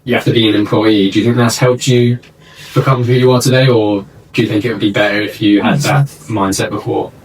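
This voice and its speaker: Low-voiced male interviewer, distant mic. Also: steady tone, a little fast. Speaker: podcast host, interviewer. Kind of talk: interview questions. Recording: distant mic with faint noise.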